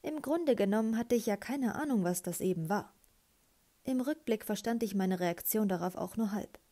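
A woman narrating a novel in the first person with lively storytelling. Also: medium pitch, moderate pace. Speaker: audiobook reader.

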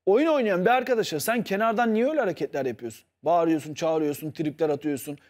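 Insistent high-voiced man arguing on a panel. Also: fast, darkish tone. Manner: insistent, argumentative, appeals to the viewers. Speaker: studio panelist. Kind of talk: heated TV panel debate.

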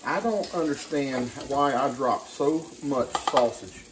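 This cooking show host speaks at a medium pitch and an unhurried pace, joking around and calling people pet names while he works in his home kitchen. The camera rests on the counter a few feet off, and the spacious room carries some background noise.

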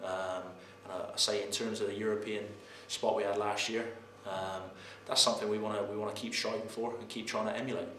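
After the game, a footballer in his thirties faces the camera mic in a head-and-shoulders shot, a sponsor board behind him in the press room. He talks in a low, flat tone, hesitating, repeating words and leaning on "um," while the roomy sound carries faint background noise.

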